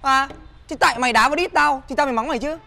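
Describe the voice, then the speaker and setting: A man's voice: very high voice, very fast, gravelly, sharp tone, full character voice. A man playing a blustering young shop owner. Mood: defensive. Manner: bossy, blustering, stammering threats. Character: bossy young male shop owner, hot-tempered. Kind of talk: comedy sketch acting.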